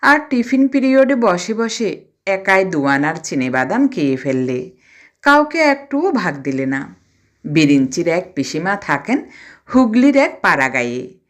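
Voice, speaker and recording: Lively expressive woman storyteller. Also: on the low side, a little slow. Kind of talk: scripted audio-story narration.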